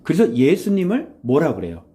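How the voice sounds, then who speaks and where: In a morning devotional sermon, this male pastor talks conversationally, acts out quoted voices, shoots rhetorical questions at his audience, and turns bluntly informal at times. His fairly high, dark-toned voice swings widely in pitch at normal speed, with slight hiss or hum.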